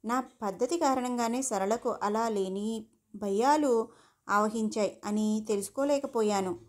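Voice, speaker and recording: A woman's voice: a little high, measured pace, lightly acted. Brief: aging grandmother figure, apologetic and pleading, read by the storyteller. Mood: remorseful. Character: older woman, remorseful and apologetic.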